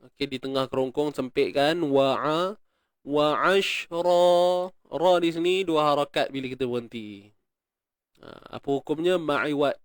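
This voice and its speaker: A patient Malaysian man teaches recitation, drawing out each word slowly and chanting the verses in a clear, smooth voice. His voice sits a little high for a man. The sound is dry and close. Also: dry recording. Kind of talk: tajwid lesson, explaining and reciting.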